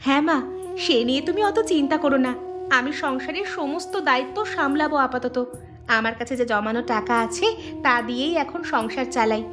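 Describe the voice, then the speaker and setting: Lady doing an earnest young daughter in a cartoon, high and reassuring. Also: a little fast, music in the background, natural voice. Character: caring young woman, elder daughter. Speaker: cartoon voice actor. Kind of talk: cartoon dubbing.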